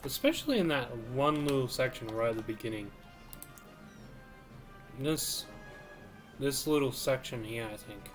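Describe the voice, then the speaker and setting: A man streaming a video game, slowly musing aloud to himself in casual commentary. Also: mid-range voice, big pitch swings, soft background music. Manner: slow, musing, mutters to himself.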